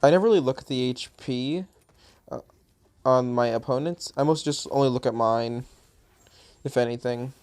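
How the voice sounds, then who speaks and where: A man's voice: medium pitch, normal speed, long pauses, a little mellow. A man chatting through his own mobile game playthrough, sounding a little tired, rambling and correcting himself as he goes. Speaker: gaming channel host. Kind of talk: casual gameplay commentary.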